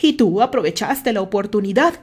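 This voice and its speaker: A woman's voice: on the high side, lively intonation, normal speed, a little mellow. A woman voicing a proud, jealous young man who speaks in a raised, emphatic way. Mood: angry.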